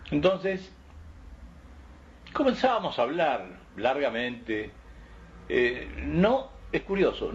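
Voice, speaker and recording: Man recounting memories on an old tape. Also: medium pitch. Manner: unhurried, reminiscing. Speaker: interviewee. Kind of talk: anecdotal storytelling. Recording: dull archive recording with faint hiss.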